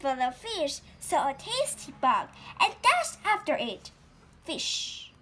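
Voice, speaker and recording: Woman reading a kids story real slow, repeats words, bright high voice. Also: very animated. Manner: repeats key words slowly for learners. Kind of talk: slow children's story read-aloud.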